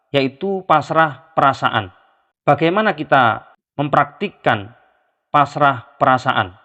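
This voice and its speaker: A man giving a calm, measured spiritual lesson, slowing down to stress key words. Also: fairly high pitch. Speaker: spiritual teacher. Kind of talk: instructional talk. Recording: long reverb, dull lo-fi sound.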